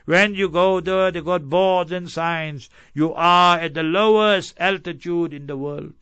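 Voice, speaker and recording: A man with a high, ringing, smooth voice gives a Quran commentary lesson, quickly chanting verses and then hammering home their meaning with stacked synonyms. The recording is dry and slightly dull. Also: fairly bright tone, dry recording. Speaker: Quran teacher.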